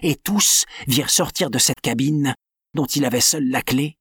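A man narrating an adventure novel in a steady, dramatic storytelling manner. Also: medium pitch, unhurried, gravelly, slightly rough, no echo, clean studio sound. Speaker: audiobook narrator.

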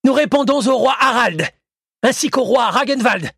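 A man's voice: very high-pitched, lively intonation, measured pace, creaky, fairly bright tone, breathy edge, no room sound, studio quality, voice pushed up, full character voice. A man voicing a young raider with a lilting, sing-song way of speaking in an audiobook. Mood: mocking. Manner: sing-song, mocking retorts. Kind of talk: audiobook character voice.

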